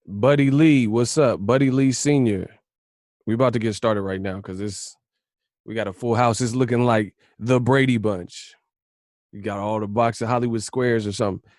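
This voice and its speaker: A man's voice: medium pitch, fairly even intonation, normal speed, darkish tone, no room sound, studio quality. A man hosting a casual group video call, teasing and joking with guests in slang. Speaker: host.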